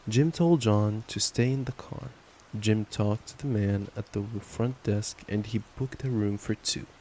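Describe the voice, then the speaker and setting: A young man's fairly low, warm voice moves at a measured pace as he reads a bedtime story in a playful, affectionate ASMR boyfriend roleplay, with stumbles and giggly asides. Ambient rain sounds make the recording noisy.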